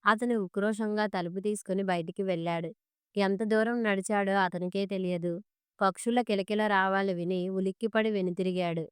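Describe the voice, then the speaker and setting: A woman narrating a story in a steady, measured reading voice. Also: mid-range voice, clean tone, no room sound, studio quality.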